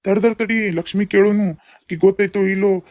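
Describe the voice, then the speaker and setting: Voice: mid-range voice, fairly quick, no echo, close to an everyday voice. Worried cartoon uncle, voiced by a performer. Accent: North Karnataka Kannada. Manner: calming, reproachful. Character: worried calm older uncle. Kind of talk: cartoon dubbing. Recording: dull lo-fi sound.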